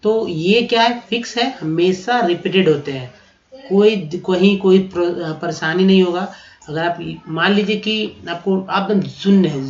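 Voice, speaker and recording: A man teaching vocabulary to his viewers in a chatty lesson, spelling words out letter by letter and breaking them into syllables. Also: sits high. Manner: chatty, addresses viewers as friends. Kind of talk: explanatory spoken lesson. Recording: roomy, dull lo-fi recording.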